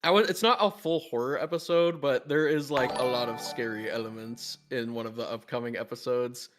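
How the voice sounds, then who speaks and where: A man's voice: medium pitch, steady tone, a little fast, over music. A man hosting a casual group Q&A over a call, rambling with restarts and frequent laughs. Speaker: animation studio team member hosting Q&A.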